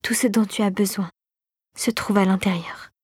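A woman's voice: mid-range voice, fairly even intonation, brisk, darkish tone, husky, dry recording, clean studio sound, close to an everyday voice. A woman voicing a determined young girl explorer who often whispers to herself in a storybook reading. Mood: whispering.

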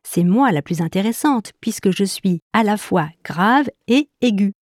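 A woman's voice: medium pitch, lively intonation, measured pace, dry recording, clean studio sound. A woman voicing a stubborn middle musical note in a storybook, insisting she matters most. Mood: insistent. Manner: insistent, contrary.

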